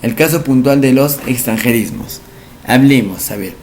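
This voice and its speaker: A male language teacher, giving a recorded lesson for entrance exams, explaining slowly, repeating each word and asking rhetorical questions. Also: medium pitch, a little mellow, a little hiss or hum.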